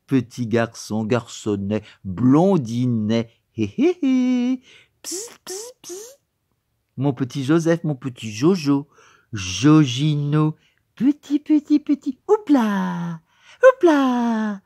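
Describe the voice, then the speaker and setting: A man voicing a fussy, pedantic grown-up professor who talks to a boy in high singsong baby talk. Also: very animated, slow, mellow, no echo, clean studio sound, heavily acted. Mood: cooing.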